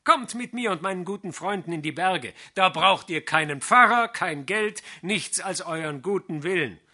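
A man's voice: sits high, animated, normal speed, voice pushed up, heavily acted. A man voicing a boisterous, coaxing vagrant fiddler in an audiobook reading. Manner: loud, coaxing, exuberant. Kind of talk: audiobook character voice.

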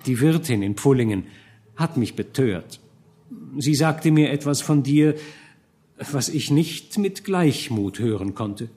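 A man's voice: medium pitch, animated, takes it slowly, dark tone. A man reading an audiobook, voicing an honest, jealous young knight in an earnest, slightly raised voice. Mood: confessing. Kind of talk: audiobook character voice.

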